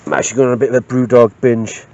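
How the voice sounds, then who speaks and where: A man's voice: mid-range voice, little pitch movement, rapid-fire, darkish tone, muffled recording. A man with a South Wales Valleys accent chatting casually and jokily to a handheld camera outdoors. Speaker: camper filming an outdoor vlog. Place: outdoors at a woodland campsite.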